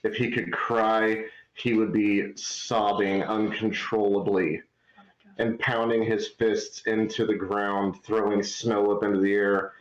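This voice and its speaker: A man narrating his character's actions in a tabletop game, setting the scene in a slow, deliberate way. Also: on the low side, little pitch movement, reverberant, dull audio. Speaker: player.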